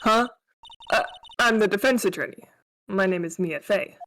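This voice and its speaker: A woman's voice: medium pitch, normal speed, a bit bright, faint music behind, close to an everyday voice, rough recording. A woman voicing a self-assured but flustered female defense attorney in a comedic courtroom game read-along.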